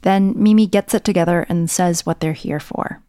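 A woman's voice: fairly low pitch, fairly even intonation, normal speed, mellow, no echo. Woman narrator, plain storytelling, dead dry close sound. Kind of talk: scripted narration.

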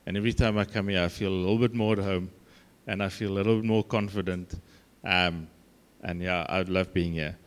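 Informal preacher with an Afrikaans South African accent. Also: male voice, low voice, steady tone, smooth. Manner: self-deprecating, conversational, halting. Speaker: guest preacher. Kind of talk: informal sermon to a congregation.

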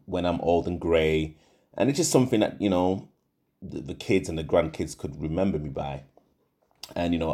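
A man's voice: rumbling low, vocal fry, dark tone, husky. A middle-aged man with a Yorkshire accent hosting a casual solo podcast, rambling with frequent fillers and self-corrections. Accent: Yorkshire English. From England. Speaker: podcast host.

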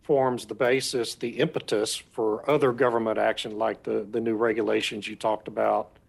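A man's voice: lowish voice, level tone, moderate pace, vocal fry, slightly rough. A man talking conversationally as a panelist on a radio discussion.

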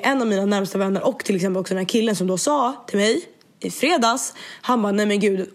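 A young woman with a speech impediment, casually retelling an event and acting out what everyone said. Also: medium pitch. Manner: animated, quotes others with "jag bara", swears freely. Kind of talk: casual storytelling chat.

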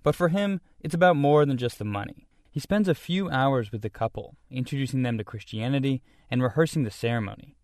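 A man's voice: medium pitch, darkish tone, no room sound, studio quality. Man narrating a radio news story. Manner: measured storytelling delivery. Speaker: radio reporter.

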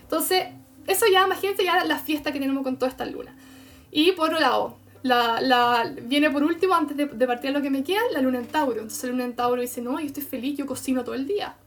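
Chilean woman, astrologer, high voice, rambling, playful live stream. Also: a little fast. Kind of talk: casual live-stream talk.

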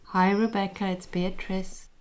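A woman's voice: medium pitch, level tone, unhurried, darkish tone. A woman chatting casually in a hesitant, understated way, often trailing off. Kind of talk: casual chat.

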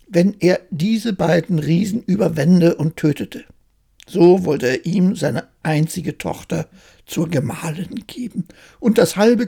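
A storyteller reading a fairy tale aloud calmly as a bedtime story. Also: medium pitch, gravelly, breathy edge. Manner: slow, calm storytelling.

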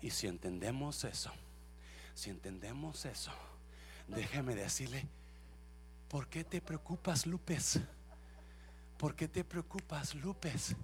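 A pastor preaching a sermon, swinging from shouting to soft talk, repeating his phrases and mixing in English. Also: medium pitch, slow, pauses often, a little hiss or hum. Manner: mixes English and Spanish.

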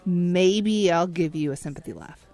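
A woman's voice: on the low side, measured pace, dark tone, soft background music. A woman co-hosting in casual banter, teasing and playing along with mock puzzlement, repeating what was said to her. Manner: teasing, reacts to jokes with mock puzzlement and echoed punchlines. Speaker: co-host playing along with the jokes.

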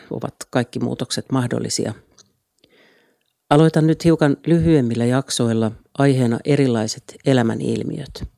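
A man hosting his own podcast, reading a scripted solo episode in a calm, even way from a small home studio. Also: medium pitch, creaky, no room sound. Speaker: podcast host.

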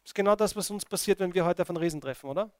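Man, preacher, sermon, animated storytelling, high voice, dry close sound. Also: very fast, no room sound. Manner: animated storytelling, addressing the congregation with frequent "okay?".

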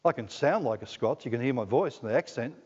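This sermon comes from a chatty, joking middle-aged Australian preacher whose mid-range voice is fast, expressive, a little mellow and slightly rough. He keeps it conversational and asks the congregation questions, while the dull lo-fi sound carries a long hall echo.

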